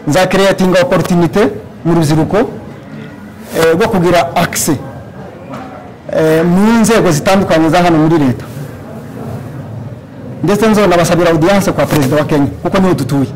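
Young man from Congo, high voice, halting campaign speech at a stand mic in a large hall. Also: a little mellow, a little hiss or hum. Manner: halting, with many fillers and restarts. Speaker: candidate for youth leadership. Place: large plain hall, indoors.

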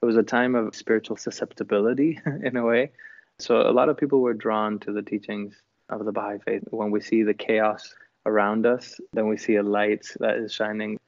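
A man who grew up in Chile, calmly and earnestly answering interview questions about his upbringing. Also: on the low side, normal speed, no echo. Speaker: musician guest. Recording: dull lo-fi dry sound.

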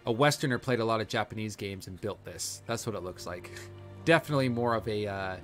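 A man's voice: lowish voice, brisk, fairly bright tone. A man hosting a let's play, joking and making sarcastic asides while commenting on the game. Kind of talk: casual gameplay commentary. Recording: music behind.

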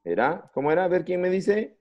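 His voice is high and a bit quick, carrying a Peruvian Spanish accent as he leads young students through an online English class. Keeping things energetic, he teases, asks lots of questions, and gently pushes the kids to chime in. Recorded through a computer mic over a video call, the audio is slightly flat and low-fidelity.

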